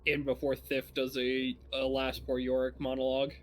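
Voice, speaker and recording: A man's voice: mid-range voice, completely flat delivery, normal speed. A man playing in a tabletop game, throwing in joking asides. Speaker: player. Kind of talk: casual chat.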